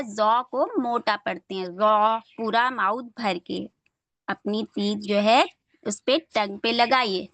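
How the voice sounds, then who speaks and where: Young woman, online class teacher, higher voice, patient and repetitive, dry close mic. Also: a bit bright, dry recording. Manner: patient, drills sounds slowly and repeats them. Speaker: online Quran reading teacher.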